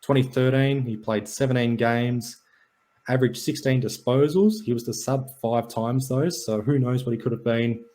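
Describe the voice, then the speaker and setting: Warm in tone, with medium pitch and a moderate pace, this man is a podcast co-host in casual sports and wrestling chat. He reads off stats and match notes in a dry, joking manner.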